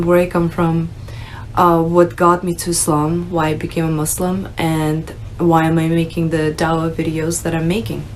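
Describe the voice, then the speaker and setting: A young woman from Russia talks straight to her viewers in a loose, unscripted way, full of "you know" and small restarts. Her voice sits a little low for a woman, with a faint hum of room ambience behind her. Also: a little mellow, poor audio. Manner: casual, conversational, many fillers like "you know". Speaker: vlogger sharing her conversion story. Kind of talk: unscripted personal talk to camera.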